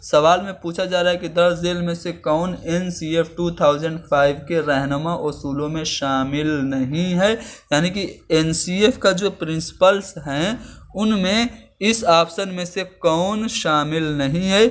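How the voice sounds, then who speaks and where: Man, teacher, slightly high voice, patient step-by-step explaining. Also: fairly even intonation. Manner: explains each term again in simple words, slows down for example sentences. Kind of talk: exam-prep lesson.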